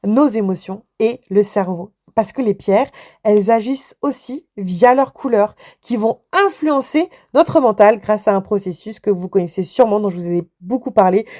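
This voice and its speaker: A woman's voice: a little high, a little mellow. Upbeat woman, solo podcast host, chatty and informal. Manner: enthusiastic, chatty, with frequent fillers and restarts. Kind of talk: casual solo podcast talk.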